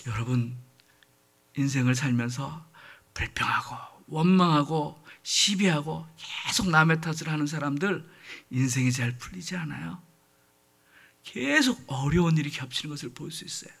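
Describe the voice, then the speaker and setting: A man's voice: a little high, lively intonation, moderate pace, creaky, a bit bright, husky. A man preaching a sermon as pastor, earnest and addressing the congregation directly.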